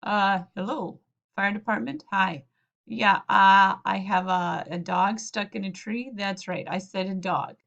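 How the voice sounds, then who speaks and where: A woman's voice: medium pitch, fairly even intonation, a little slow, vocal fry, a bit bright. A woman voicing a flustered middle-aged uncle in a storybook who keeps phoning for help, sheepish and hesitant, full of "uh"s, on a slightly dull lo-fi recording. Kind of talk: storybook read-aloud.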